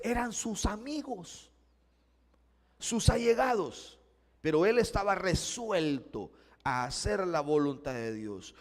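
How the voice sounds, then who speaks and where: A man preaching a sermon as pastor, emphatic, swinging between loud climaxes and quiet asides. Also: a little high. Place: church sanctuary. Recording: church hall with long reverb.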